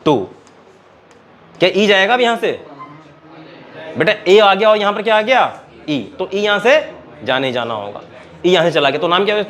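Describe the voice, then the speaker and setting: High-voiced Indian chemistry teacher quizzing. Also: male voice, fairly bright tone. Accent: Hindi-speaking Indian. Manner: keeps quizzing students, calls them beta. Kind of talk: classroom lecture at a board.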